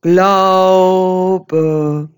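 A woman's voice: fairly low pitch, steady tone, clean tone. A woman voicing the oldest of three church bells, proud and solemn, in a storybook. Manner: slow, drawn-out, solemn.

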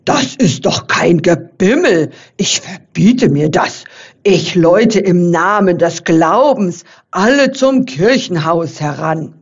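A woman's voice: lowish voice, steady tone, darkish tone, voice pushed down. A woman voicing the oldest of three church bells, proud and solemn, in a storybook. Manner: slow, drawn-out, solemn.

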